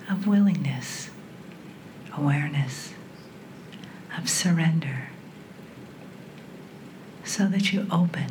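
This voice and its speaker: A woman leading a guided meditation in a soft, breathy, soothing half-whisper, in short phrases with long pauses. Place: in a room with a group. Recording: clearly noisy recording with low rumble.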